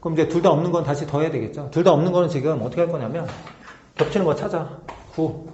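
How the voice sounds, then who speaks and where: A man teaching a math lesson step by step, often pausing to check that students follow. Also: on the high side, a little mellow. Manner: talks through steps slowly, checking in with tag questions. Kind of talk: whiteboard lesson walkthrough. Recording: roomy, slightly dull recording with faint noise.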